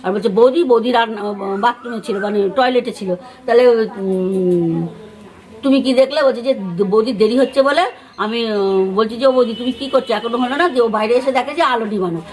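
A neighbour from West Bengal, India, speaking with a West Bengali accent, gives a news crew an on-the-spot eyewitness account. Her voice is fairly high and darkish, at a moderate pace, and her rambling retelling is full of fillers, restarts and acted-out quotes of what others said.

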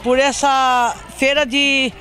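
A woman's voice: high-pitched, flat delivery, slow, a bit bright. A middle-aged woman speaking bluntly about local health care in a street interview, into a handheld mic outdoors. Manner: blunt complaint, then gratitude. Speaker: patient interviewed. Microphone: handheld reporter mic.

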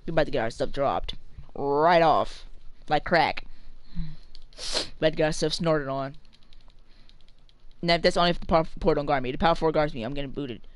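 A man's voice: fairly high pitch, fairly quick, long pauses, clear, resonant tone, dry recording. Cursing man streaming a video game. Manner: frustrated, swears a lot; complains to viewers and talks to his pet. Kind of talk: casual live gaming commentary.

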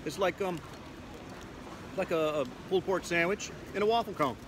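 A man's voice: sits high, normal speed. Man talking while chewing fair food. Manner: chatty, relishing the food. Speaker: host. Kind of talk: casual food taste test. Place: busy state fair, outdoors. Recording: outdoor fair crowd noise. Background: crowd chatter.

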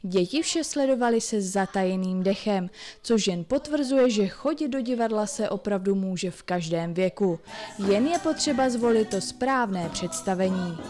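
A woman's voice: mid-range voice, animated, darkish tone. A woman reporter reading scripted narration for a regional television news report.

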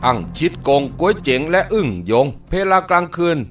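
A man narrating an audiobook of a martial arts novel in a steady storytelling cadence. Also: a little high, normal speed. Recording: distant mic with faint music.

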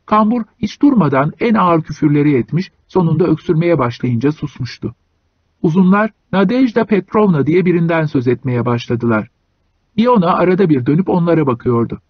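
A male audiobook narrator reads a short story in a measured, even way. His voice is husky and slightly high for a man. The recording is close, dry and a bit dull. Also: dry recording. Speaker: audiobook reader.

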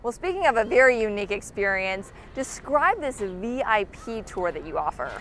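A woman's voice: mid-range voice, big pitch swings, moderate pace, a bit bright. A woman hosting a travel piece for TV, asking her guest eager questions. She is outdoors on a waterfront plaza with faint outdoor noise behind her. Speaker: TV travel segment host. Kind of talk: television interview.

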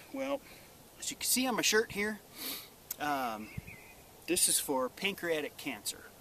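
A man's voice: fairly high pitch, fairly bright tone, a little hiss or hum. A man in his forties hosting a casual vlog, chatting in an easygoing, plain-spoken way to a camera at close range. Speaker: channel host. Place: outdoors in a yard, later an indoor workshop.

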